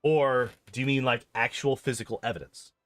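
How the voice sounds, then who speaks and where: A game streamer and video host rambles casually through a livestream chat, repeating phrases emphatically to drive his points home. His mid-range voice is brisk and fairly bright, with no room sound.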